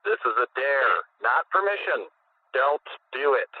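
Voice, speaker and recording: A man's voice: mid-range voice, lively intonation, a little slow. A man radio host reading out a comic list in a dry, explanatory way. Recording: tinny phone-like dry radio audio.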